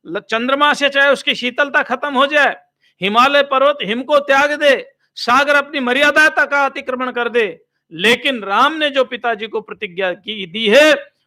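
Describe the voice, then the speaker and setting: A swami giving a slow, measured religious discourse, chanting Sanskrit verses and explaining each one. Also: male voice, extremely high pitch, pushed and bright.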